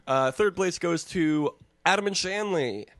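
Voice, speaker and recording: A man's voice: high voice, measured pace, fairly bright tone, no echo, studio quality. A man from Michigan, co-hosting a casual chat and recapping a reality show with sarcastic jokes. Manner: joking, sarcastic, swears. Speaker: podcast co-host.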